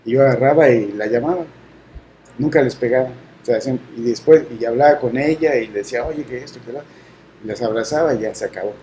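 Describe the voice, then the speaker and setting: Middle-aged man, earnest halting testimony, warm dark tone, faint noise behind. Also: mid-range voice, low-quality recording. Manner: earnest, halting storytelling with restarts. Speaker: guest sharing testimony. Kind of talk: personal faith testimony.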